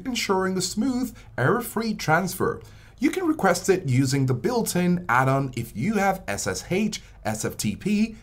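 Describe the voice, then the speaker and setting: This is a scripted tutorial narrator who walks through software steps one after another in an even instructional manner. The pitch is lively and swings widely across phrases. It is a voice-over laid over screen footage. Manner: steady step-by-step instructional delivery.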